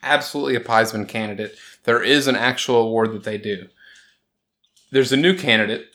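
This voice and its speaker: A man's voice: medium pitch, sharp tone. Wry man reading sports scores. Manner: quick, joking, laughs often, reads scores with sarcasm. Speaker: podcast host. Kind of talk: casual sports chat.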